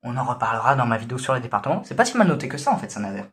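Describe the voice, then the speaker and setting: A man's voice: mid-range voice, very animated, rapid-fire, a bit bright. A man casually reviewing albums, hesitant and grumbly, full of fillers. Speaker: music reviewer. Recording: echoey room.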